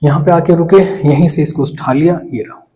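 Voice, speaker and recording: Casting: young male chemistry tutor, a bit high-pitched, mellow tone, quizzes the class and answers himself. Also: brisk, poor audio. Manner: asks questions to the class and answers them, with playful asides. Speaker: chemistry teacher. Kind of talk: whiteboard lecture.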